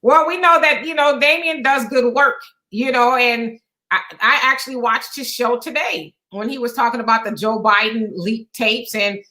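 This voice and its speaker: Bright-voiced woman co-hosting a talk show. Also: fairly high pitch, fairly even intonation, normal speed. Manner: chatty, meandering, many fillers. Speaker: co-host. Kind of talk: casual political talk show chat.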